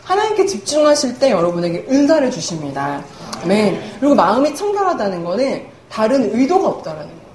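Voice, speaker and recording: A woman's voice: a little high, very animated, fairly quick, few pauses, darkish tone. A young woman preaching a humorous sermon in a chatty, self-mocking way, laughing often as she talks. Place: church hall. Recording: echoey church hall, faint room noise.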